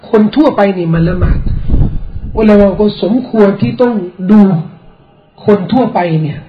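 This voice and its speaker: A man preaching an Islamic sermon, explaining in a relaxed, conversational way and weaving in recited Arabic quotations. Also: high voice, a little slow, dull audio, slight background noise. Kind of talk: religious sermon.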